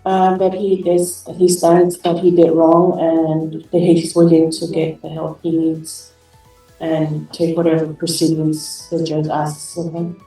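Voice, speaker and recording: A woman testifying as a witness about her son, answering briefly and softly in a courtroom recording. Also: deep voice, monotone, a little slow, faint music behind. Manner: brief, soft-spoken answers. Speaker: witness, defendant's mother. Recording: very echoey courtroom audio from far off.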